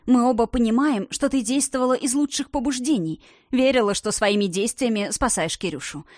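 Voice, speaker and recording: A woman's voice: a little high, brisk, darkish tone, no room sound, clean studio sound, voice pushed up, lightly acted. A woman voicing a cold, commanding middle-aged mentor who speaks in clipped, authoritative sentences.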